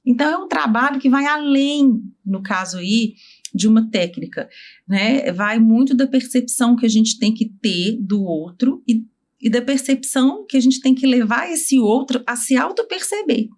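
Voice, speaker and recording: A woman's voice: a little high, animated, normal speed, a little mellow. A woman speech therapist being interviewed, earnestly explaining her work with examples and quoted dialogue.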